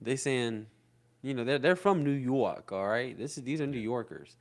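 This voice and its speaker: Young man in relaxed slangy chat. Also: medium pitch, moderate pace. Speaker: podcast co-host. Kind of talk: casual podcast chat.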